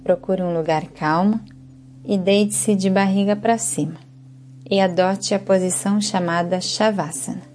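Speaking with a Brazilian Portuguese accent, a female instructor guides a yoga nidra relaxation in a calm, soothing, unhurried manner. Her pitch is medium, and soft music plays in the background.

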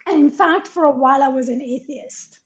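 A woman's voice: high-pitched, a little fast. A woman raised in Italy, co-hosting a casual talk show and speaking earnestly and reflectively. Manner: earnest, reflective, laughs easily. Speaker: co-host, life coach. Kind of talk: casual podcast chat. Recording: dull lo-fi sound.

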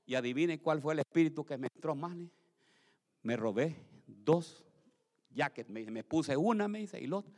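High, animated preaching man in reverberant hall. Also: normal speed, pauses often. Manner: preaching with sudden shouted outbursts and acted voices. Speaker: pastor. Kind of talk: sermon.

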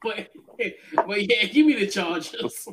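A man's voice: high-pitched, animated, measured pace, fairly bright tone. A man hosting a casual sports podcast, running through game picks in a loose, easygoing way. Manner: easygoing, loose, many fillers and restarts. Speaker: podcast host.

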